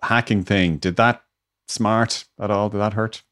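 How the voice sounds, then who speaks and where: A man's voice: on the low side, steady tone, measured pace, fairly bright tone, no room sound, clean studio sound. A man, interviewing casually and rephrasing as he goes.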